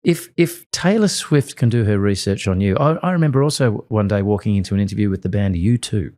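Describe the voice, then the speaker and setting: A man with an Australian accent, a radio host and guest, telling animated stories in casual interview chat. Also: on the low side, brisk. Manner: animated storyteller.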